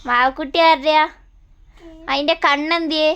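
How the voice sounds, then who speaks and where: High-voiced mother in sing-song baby talk. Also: steady tone, normal speed, fairly bright tone. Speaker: mother and family vlogger. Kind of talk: casual family vlog.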